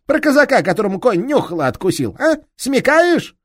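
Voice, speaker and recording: A man's voice: extremely high pitch, sing-song, fairly quick, dry recording, clean studio sound, voice pushed up, heavily acted. A man voicing a furious, brutal police detective who bellows threats in an audiobook. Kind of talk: audiobook character reading.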